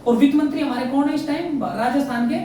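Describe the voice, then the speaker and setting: Warm, very high-pitched and fast, a man's voice delivers a current affairs lesson aimed at exam preparation. He quizzes himself, supplies the answers, repeats each fact, and drops "theek hai na" frequently. Audio comes from a distant mic in a very echoey room, with faint background noise.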